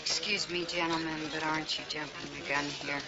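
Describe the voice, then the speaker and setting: A woman's voice: deep voice, flat delivery, a little fast, gravelly. An actress playing a determined female lawyer in a television drama, speaking in an articulate, formal, insistent way. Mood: earnest, insistent. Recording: dull TV soundtrack, faint noise.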